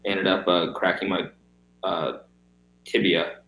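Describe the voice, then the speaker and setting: Man, age thirty, low pitch, missing front teeth, casual interview chat, roomy echo. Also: steady tone, slow pace, fairly bright tone. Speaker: guest, professional BMX stunt rider and reptile keeper.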